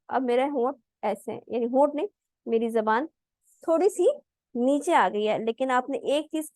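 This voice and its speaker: A woman with a somewhat high voice leads an online recitation class, explaining patiently and demonstrating each sound herself. The recording is dry and close, with no room echo. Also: a little mellow. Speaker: Quran recitation teacher.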